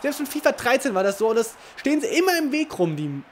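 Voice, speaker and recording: Excitable high-voiced German gaming man. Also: quick pace, a little hiss or hum. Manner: excitable, swings from muttering to shouting. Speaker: gaming commentator. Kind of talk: live Let's Play commentary.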